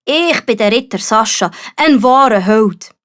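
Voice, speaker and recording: A bumbling storybook knight, put on by a woman, pitched high and eager. He sounds pompous yet hesitant, a would-be hero. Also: expressive, a little slow, a bit bright. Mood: proud. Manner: hesitant, throat-clearing, pompous. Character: eager, bumbling, self-proclaimed heroic young male knight. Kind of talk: storybook character voice.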